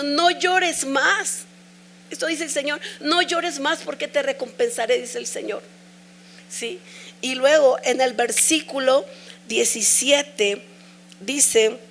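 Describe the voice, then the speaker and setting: A middle-aged woman delivers a sermon in a somewhat high voice. She speaks with earnest emotion, repeating her pleas as she shares a personal testimony. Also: a bit bright. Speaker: preacher.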